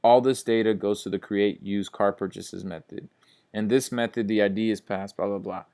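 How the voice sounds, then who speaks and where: A man with a lowish, steady, warm voice teaches a programming class, walking through the code step by step. He sounds sleepy and yawns, keeps things casual, calls his viewers "guys," and slowly repeats each step as the instructor.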